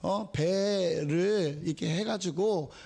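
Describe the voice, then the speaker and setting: A hoarse male pastor quoting a kind, fussing older churchwoman in a slow, earnest, pleading way. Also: high voice, dark tone, full character voice.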